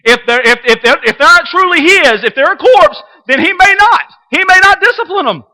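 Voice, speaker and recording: Middle-aged guy preaching to a church class, real high bright voice, goes quiet then loud, repeats stuff a lot. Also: animated, fairly quick, low-quality recording. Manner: impassioned, repeats himself, swings from hushed to loud. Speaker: Sunday school teacher. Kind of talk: sermon. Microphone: webcam.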